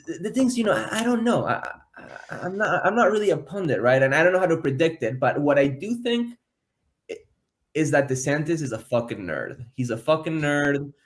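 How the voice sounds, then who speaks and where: A man's voice: fairly high pitch, sing-song, fairly quick. A man guesting on a political podcast, talking casually and bluntly, with swearing and laughing asides.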